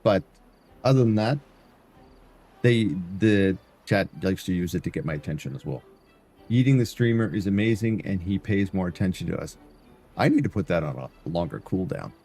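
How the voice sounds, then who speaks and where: A man's voice: deep voice, lively intonation, normal speed, dark tone, breathy edge. A man streaming live, chatting loosely through gameplay and often stumbling over and repeating his words.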